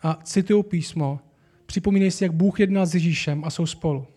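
A man's voice: sits high, slightly rough. A man preaching a sermon with earnest, building emphasis. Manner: earnest, rising to animated emphasis.

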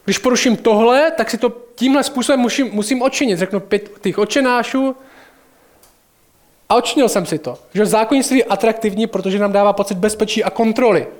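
A man preaching a sermon in a conversational way, addressing listeners directly. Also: high voice.

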